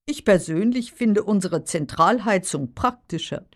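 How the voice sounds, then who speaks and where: An actress playing a practical, skeptical daughter who contradicts drily in scripted dialogue. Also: female voice, medium pitch, animated, measured pace. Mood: skeptical, questioning. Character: practical, skeptical grown daughter of a nostalgic father. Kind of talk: scripted language-lesson dialogue.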